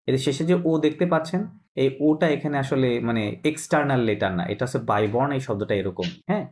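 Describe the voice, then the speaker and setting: A man's voice: medium pitch, brisk, darkish tone. A man teaching a beginner language class over a video call, explaining step by step and often checking that students follow. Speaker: French teacher. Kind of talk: online language lesson.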